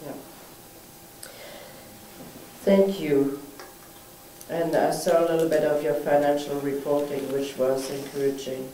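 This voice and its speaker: Mellow-voiced woman chairing a council meeting. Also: sits low, steady tone. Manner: brisk, moves through agenda items. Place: council chamber, indoors, mid-sized room. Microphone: far room mic. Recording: echoey room, distant mic, faint hiss.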